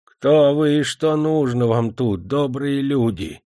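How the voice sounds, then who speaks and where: A man plays a frail old servant with a trembling, toothless voice pitched well above his own. He speaks slowly and mournfully, in a dry, close audiobook sound. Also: expressive, dark tone, no echo. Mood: lamenting. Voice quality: quavering, toothless mumble.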